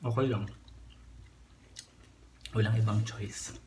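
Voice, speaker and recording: A man's voice: lowish voice, fairly even intonation, slow, a little mellow. A man casually chatting to viewers in a home cooking and eating vlog, talking with food in his mouth while chewing. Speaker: vlogger. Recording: background noise, clinking dishes and cutlery.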